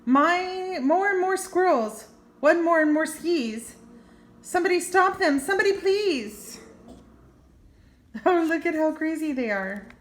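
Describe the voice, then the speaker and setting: An older woman reads a children's story aloud as a grandmother, expressive and full of chatty asides and exclamations. Her very high-pitched voice is animated but unhurried. The home recording sounds roomy and echoing.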